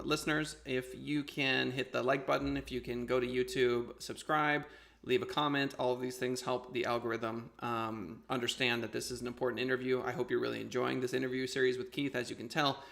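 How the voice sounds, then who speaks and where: Male interview host, mid-range pitch with plenty of vocal fry, casual, halting, informal storytelling style. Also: fairly bright tone. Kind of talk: casual conversational storytelling and hosting.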